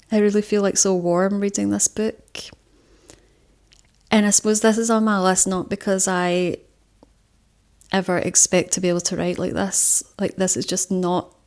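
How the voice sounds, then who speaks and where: Rambling woman talking books, flat voice. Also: lowish voice. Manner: rambling, many fillers and restarts. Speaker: book vlogger. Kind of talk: casual book talk to camera.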